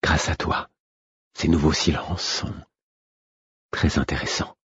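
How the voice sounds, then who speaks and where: A man voicing a tender, sleepy young woman in a whispered role-play, speaking in a soft, hushed murmur. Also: rumbling low, flat delivery, takes it slowly, breathy edge, no echo, highs cut off, heavily acted.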